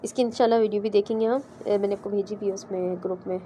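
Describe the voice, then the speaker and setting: A woman teaching Quran recitation in a class, patiently explaining letters step by step and sounding them out slowly. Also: medium pitch, steady tone, mellow, a little hiss or hum. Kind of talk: online class explaining pronunciation.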